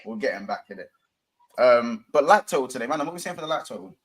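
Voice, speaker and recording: Man, London roadman accent, slangy, show host, casual football banter, medium pitch. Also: expressive, fast talker, noisy background. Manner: roadman slang-laden speech.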